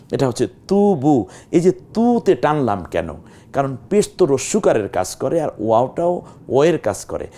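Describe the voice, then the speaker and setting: Man teaching Quran recitation, slow drawn vowels. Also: mid-range voice, warm tone. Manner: explains step by step, asks and answers own questions; draws out vowels slowly when demonstrating. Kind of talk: televised Quran reading lesson.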